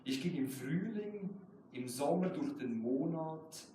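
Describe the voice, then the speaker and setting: A Swiss man reads his poems as a guest at a live event, mixing in casual remarks. His voice is on the high side and warm, with lively intonation and a measured pace. The hall is very reverberant and the mic far away, so he sounds echoey, distant and noisy.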